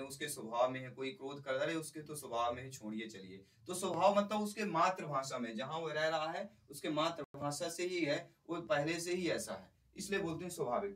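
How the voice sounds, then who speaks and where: A man's voice: a little high, a bit bright, far from the mic, rough recording. A male teacher giving an exam-prep lecture, explaining by repeating points and putting questions to the class.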